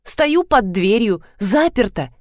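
A woman's voice: on the high side, very animated, slow pace, a little mellow, dry recording, studio quality. A woman voicing a pushy, frantic young mother who is insistent and tearful.

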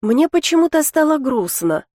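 A woman narrating a first-person audiobook in an even storytelling manner. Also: high voice, moderate pace, no room sound, clean studio sound.

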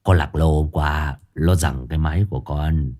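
A man's voice: very deep voice, expressive, quick pace, darkish tone, breathy edge, pitched below the performer's own voice, heavily acted. A man voicing a loutish young man who swears and blusters at a dog, then whines when scared. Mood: whining. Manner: coarse, swearing, grumbling. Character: gruff loutish young man, cowardly bully.

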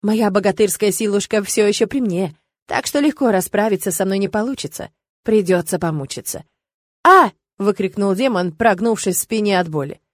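Woman reading a fantasy audiobook, expressive, dry close mic. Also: mid-range voice, a little fast, dry recording. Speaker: audiobook narrator. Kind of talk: first-person fantasy audiobook narration.

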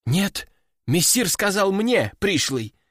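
A man's voice: high-pitched, big pitch swings, takes it slowly, fairly bright tone, no echo, studio quality, full character voice. Man doing a stubborn young apprentice. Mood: defiant. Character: stubborn young male apprentice, blunt and defiant.

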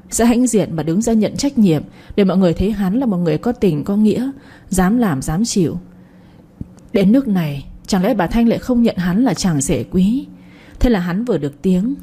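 A woman narrating an audiobook story in a steady, even, scripted reading. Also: mid-range voice, husky.

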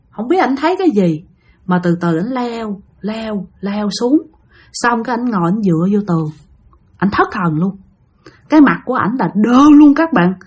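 A woman's voice: medium pitch, darkish tone, slightly rough. Chatty woman telling a ghost story. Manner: chatty, addresses listeners directly. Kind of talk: spoken ghost story narration.

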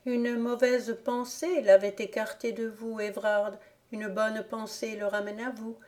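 Woman reading as a gentle resigned girl, soft and slow, mellow. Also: a little high, flat delivery, close to an everyday voice. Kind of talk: audiobook character reading.

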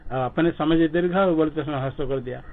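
A man's voice: a little high, fairly quick. Swami guy teaching sanskrit in an ashram class, repeats words over and over, asks the room questions, tinny lo-fi sound. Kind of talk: classroom lecture on Sanskrit grammar. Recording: tinny phone-like lo-fi recording.

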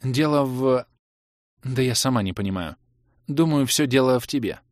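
A man voicing a bold, bossy, impulsive young woman in an audiobook, with a brisk and pushy manner. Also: mid-range voice, dry recording, clean studio sound, voice pushed up, close to an everyday voice. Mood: bold teasing. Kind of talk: audiobook character voice.

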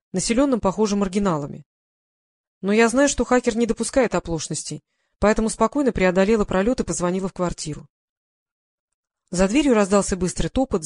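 A woman narrating a first-person detective audiobook in a brisk, ironic storytelling manner. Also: medium pitch, darkish tone, no echo, clean studio sound.

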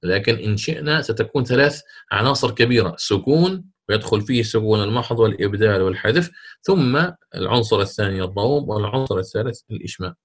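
A man teaching a lesson on Quran recitation rules, explaining step by step and stretching out example words slowly. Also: lowish voice, lively intonation, breathy edge. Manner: slow, drawn-out example words, repeats for emphasis.

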